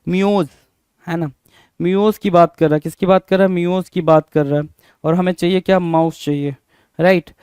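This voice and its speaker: Male teacher, smooth, slightly high voice, spells words out letter by letter, quizzing the students as he goes. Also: fairly even intonation, fairly quick, darkish tone, dry recording. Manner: repeats and spells words letter by letter, asking rhetorical questions. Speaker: English vocabulary teacher. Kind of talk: spelling-check lesson.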